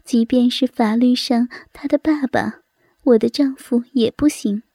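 A woman narrating a story in a soft, breathy whisper. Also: on the high side, unhurried, dry recording.

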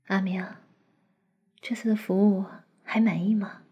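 A woman voicing a flirtatious, teasing sister-in-law in an intimate audio roleplay, speaking in a breathy close whisper. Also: medium pitch, little pitch movement, measured pace, warm tone. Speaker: voice actress in an adult audio roleplay.

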